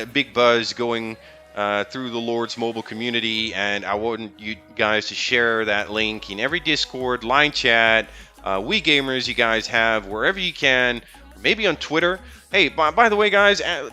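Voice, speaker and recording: Speaking English as a native Dutch speaker from the Netherlands, a man livestreams loose, rambling game tips with frequent fillers and false starts. His voice is mid-range, sharp-toned, and smooth.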